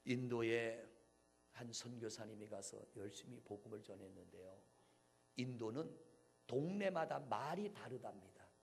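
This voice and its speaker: A male pastor preaching a sermon in a church, swinging between hushed near-whispers and loud, emphatic exclamations. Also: medium pitch, expressive, a little slow, vocal fry, husky.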